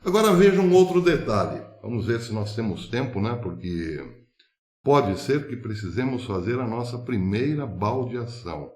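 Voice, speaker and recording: A man's voice: mid-range voice, lively intonation, normal speed, a little mellow, reverberant. A man hosting a news commentary show, speaking emphatically and asking rhetorical questions. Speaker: host.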